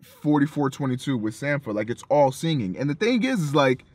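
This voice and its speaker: A man co-hosting a casual music review chat, animated and profane, acting out his own reactions. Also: mid-range voice, brisk, husky, no room sound, clean studio sound. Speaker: co-host of a music review show.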